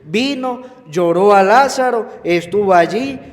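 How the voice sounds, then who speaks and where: Male priest, higher voice, preaching in an echoing church; leads with questions and answers them himself. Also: lively intonation, measured pace. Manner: addresses listeners formally as usted. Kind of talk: sermon.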